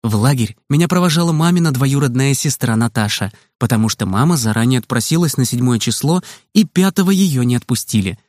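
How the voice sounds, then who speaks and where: A man narrating a children's story in the first person, in a lively manner. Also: mid-range voice, brisk, hardly any pauses, dry recording, studio quality.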